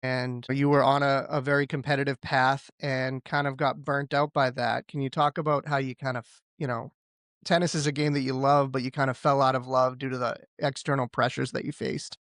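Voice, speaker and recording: A man's voice: mid-range voice, level tone, normal speed, fairly bright tone, dry recording, studio quality. A man hosting a podcast interview, friendly and loose, with many "you know" fillers. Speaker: podcast host.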